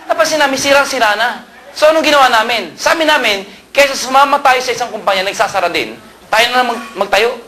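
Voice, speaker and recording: High bright-voiced joking male presenter. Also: slight background noise. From Pangasinan, Philippines. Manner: animated joking storyteller, fires rhetorical questions at the audience. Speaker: company co-owner presenting to a seminar audience. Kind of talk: humorous motivational sales talk.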